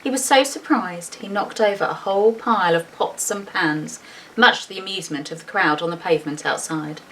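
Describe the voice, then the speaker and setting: A woman with a fairly low, slightly bright voice reads a storybook aloud to children at a slightly fast pace. The schoolteacher reads with expression and chats informally as she shows the pictures. Faint background noise accompanies the distant-mic recording.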